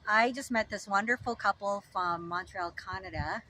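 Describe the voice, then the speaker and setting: A woman narrating a casual travel vlog, thinking aloud in a soft-spoken way from her van and the beach. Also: mid-range voice, normal speed. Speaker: vlogger.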